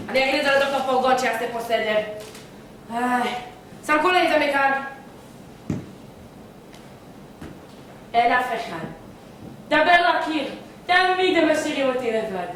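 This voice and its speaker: A woman playing a fussy, bossy hypochondriac older man in a stage play, complaining and shouting at his servant. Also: high-pitched, long pauses, slight background noise. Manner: shouting, complaining, calling out repeatedly. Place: theatre stage. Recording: echoey stage audio from far off.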